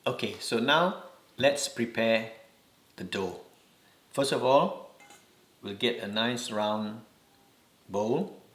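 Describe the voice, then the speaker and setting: A man's voice: medium pitch, expressive, fairly bright tone, echoey room. A man from Singapore with a Singaporean accent, giving patient step-by-step instructions in a home cooking demonstration. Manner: slow, patient instructions with repeated reminders.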